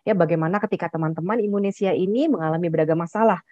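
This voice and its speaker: A woman's voice: lowish voice, rapid-fire, dry recording. A woman heading a psychologists' association, opening a webinar in a chatty, friendly way, peppered with "ya", over a video call. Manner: warm, chatty, with tag "ya" and "nih". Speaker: head of a clinical psychologists' association. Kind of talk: formal webinar opening speech. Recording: muffled dry video-call audio.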